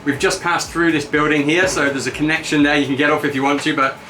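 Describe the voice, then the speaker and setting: Young travel vlogger, bright and a bit high, upbeat chatty host on a handheld camera. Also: male voice, steady tone, fast talker, slight background noise. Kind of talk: casual vlog narration. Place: outdoors and in a cable car.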